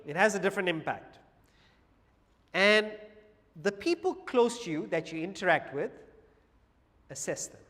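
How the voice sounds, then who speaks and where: A man giving a public talk on Vedanta philosophy to an audience, measured and paced with pauses and humorous asides. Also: high-pitched, fairly bright tone, in a large hall.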